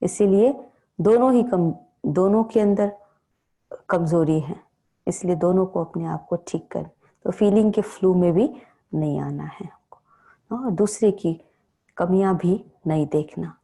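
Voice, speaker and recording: A woman's voice: on the low side, dark tone, husky. A woman teaching a spiritual class, telling stories and asking her listeners questions, with frequent "na" and "hmm" tags. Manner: storytelling, asks the listeners questions; many filler "na" and "hmm" tags. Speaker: Brahma Kumaris spiritual teacher.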